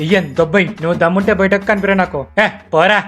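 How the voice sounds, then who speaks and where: A man's voice: sits high, fairly even intonation, very fast, loud music behind the voice. A man acting out a brash, mocking comedy sketch. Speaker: comedy sketch creator playing all parts.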